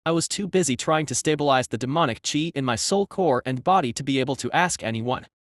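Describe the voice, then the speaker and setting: A man voicing a composed young woman cultivator who speaks in a monotone. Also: medium pitch, brisk, no echo, clean studio sound, lightly acted. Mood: calm.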